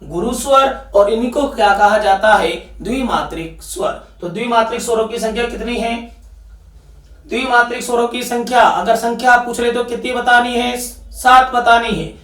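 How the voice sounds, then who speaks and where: Man, Rajasthani Hindi accent, teacher, very high voice, echoey room, distant mic. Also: fairly even intonation, normal speed, fairly bright tone. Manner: asks the class questions and answers them himself. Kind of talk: exam-prep grammar lesson.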